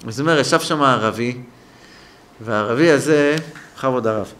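A man's voice: mid-range voice, fairly bright tone. An older man, a rabbi giving a synagogue lesson, telling stories with animation and acting out the people he quotes. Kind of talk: storytelling sermon. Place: synagogue hall.

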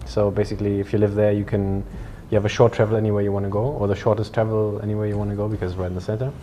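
A man from Germany in his thirties, chatting casually in an interview, relaxed and hesitant, filling his speech with "you know.". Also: on the low side, rapid-fire, a little hiss or hum. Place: indoor lounge on a sofa.

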